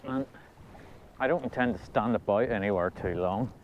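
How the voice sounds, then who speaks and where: A man with a Scottish accent giving casual, halting, low-key commentary as he fishes, thinking aloud. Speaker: angler filming a fishing vlog. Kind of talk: casual unscripted commentary while fishing. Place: outdoors on a windy loch shore. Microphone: body-worn action camera. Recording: muffled, windy outdoor action-camera audio. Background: wind and water noise.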